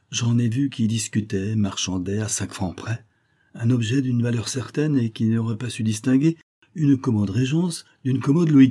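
A man's voice: fairly low pitch, dark tone, husky. A man voicing a shrewd old-school antique dealer. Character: shrewd middle-aged male antique dealer.

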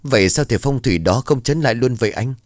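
An anxious, gentle young mother, put on by a man who lifts his voice into a pleading tone. The delivery swings widely, recorded dry and close. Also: medium pitch, animated, fast talker, dry recording, voice pushed up, close to an everyday voice. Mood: worried. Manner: raised pleading tone.

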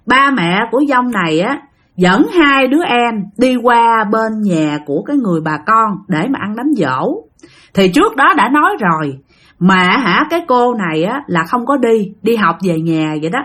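A woman's voice: fairly high pitch, a bit bright. A woman with a Southern Vietnamese accent telling a ghost story, chatty and talking straight to her listeners. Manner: chatty, addresses listeners directly. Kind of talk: spooky storytelling.

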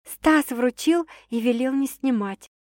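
A woman's voice: measured pace, no echo, studio quality. A woman voicing a young pregnant bride-to-be in an audiobook, nervous but cheerful. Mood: teasing. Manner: bright, higher girlish delivery.

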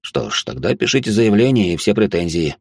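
A man's voice: lowish voice, very animated, a little fast, gravelly, a little mellow, no echo, studio quality, exaggerated voice. A man voicing a brusque, exasperated official in an audiobook. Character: gruff official man, Tikhonov.

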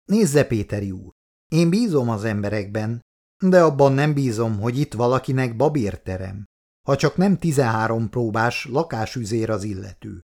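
Doubtful young guy, dry skeptical tone, lively voice , reader doing him. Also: mid-range voice. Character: skeptical young man seeking a flat. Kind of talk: storybook reading.

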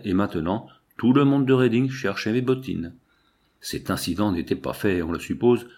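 Low-voiced male audiobook narrator. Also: darkish tone, breathy edge. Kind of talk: first-person literary narration.

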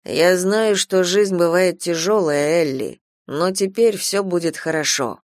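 A weary, anxious father, read by a woman narrating an audiobook. He sounds firm and urgent, louder than the narration, near her own pitch. Close, dry recording. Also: no echo, lightly acted. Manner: firm, hurried reassurance. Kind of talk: audiobook character voice.

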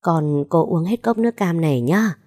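A woman's voice: fairly low pitch, expressive, normal speed. Woman voicing a doting anxious grandmother. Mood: coaxing. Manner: soft coaxing.

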